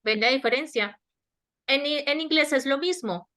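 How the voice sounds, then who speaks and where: A woman with a high-pitched, fairly bright voice teaches English grammar in an online class, speaking Spanish with a Latin American accent. She explains slowly and keeps checking that students understand with repeated questions, heard through a webinar headset or laptop mic.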